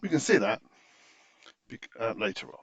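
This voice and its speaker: A man walks through a software tutorial on a screen share, unscripted but methodical, in an explanatory, instructive manner. His voice is fairly low, gravelly and sing-song at a normal speed. The recording is dull but has no echo.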